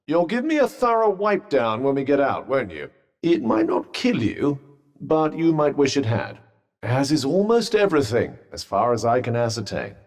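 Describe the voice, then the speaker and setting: A man's voice: medium pitch, very animated, moderate pace, darkish tone, natural voice. A British man voicing a sentient magic cuff in a video game, a droll, haughty, fussy companion with a pompous, sardonic, wordy way of talking. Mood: dry sarcasm. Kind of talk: scripted game character banter. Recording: long reverberant echo on the voice.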